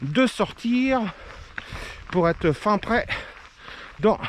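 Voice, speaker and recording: A man's voice: high-pitched, animated, extremely slow, a little hiss or hum. A man chatting to the camera as he runs hill repeats outdoors in the rain, casual vlog style. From France. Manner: chatty, talking to camera between climbs. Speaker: trail runner vlogger. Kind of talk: casual vlog while running.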